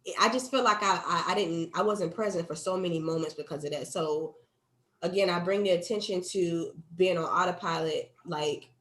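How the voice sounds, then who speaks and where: A woman in her thirties, a podcast co-host, telling a heartfelt personal story in casual chat, animated and quick to laugh. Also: fairly low pitch, echoey room. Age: 30s. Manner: animated, quotes herself and her son, laughs often.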